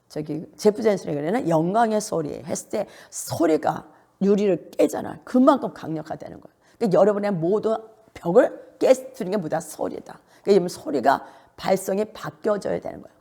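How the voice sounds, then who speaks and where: Gravelly, dark-voiced woman pastor preaching. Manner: rhetorical questions to the congregation, sudden jumps to high pitch. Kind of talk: sermon.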